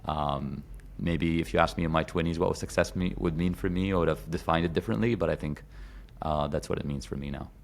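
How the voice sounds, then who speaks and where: With a very deep voice, some vocal fry, and a fairly quick pace, an Egyptian man in his thirties talks loosely as a podcast guest. His speech rambles, full of fillers and false starts.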